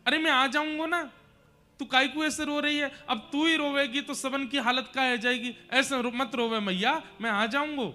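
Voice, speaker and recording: Man voicing a high, bright boy god, pleading and tender. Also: fairly even intonation, normal speed. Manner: pleading, tender, rustic dialect. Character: young boy god comforting his weeping mother.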